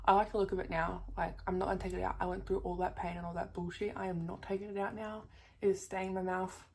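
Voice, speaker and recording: A woman's voice: fairly low pitch, level tone, fast talker, vocal fry, slight background noise. A young woman chatting casually to camera as a vlogger, full of fillers and casual swearing, her speech a little thick from a new tongue piercing.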